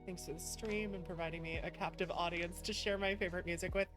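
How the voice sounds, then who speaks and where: A fast-talking woman with a fairly low pitch and fairly even intonation hosts a live stream with music behind her. She chats casually with her viewers, warmly effusive and full of gratitude.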